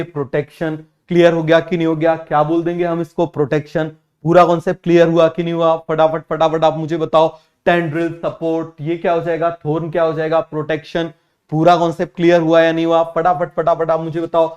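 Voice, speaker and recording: A male teacher giving an online biology lesson in Hindi-English mix, repeating key terms and urging students to answer quickly. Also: on the high side, completely flat delivery, darkish tone, muffled recording. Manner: repetitive, keeps asking students to answer quickly; drills terms by repeating them slowly.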